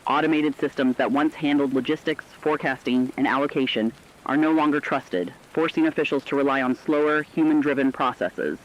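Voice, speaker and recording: Playing a serious news correspondent in a dystopian radio broadcast, a man reads formal scripted reports in a measured way. His medium-pitched voice sounds close to everyday speech, and the recording is muffled.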